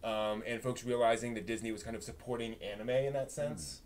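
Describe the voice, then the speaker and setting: This is a man with a medium-pitched, brisk delivery, hosting a live stream and keeping things chatty and jokey. The setting is a casual group discussion, with clear background noise and ambience.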